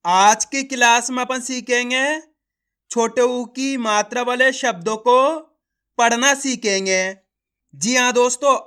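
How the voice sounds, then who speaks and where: A man's voice: very high-pitched, sharp tone, clean tone. A man teaching a beginner reading lesson, calling viewers his friends and drilling syllables over and over.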